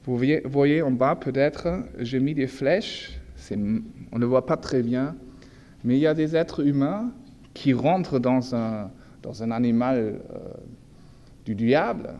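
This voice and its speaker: A man with a German accent, a native German speaker, gives an informal illustrated lecture in French, halting as he searches for words and corrects himself. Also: mid-range voice, mellow, muffled recording. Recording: echoey hall with long reverb, background noise.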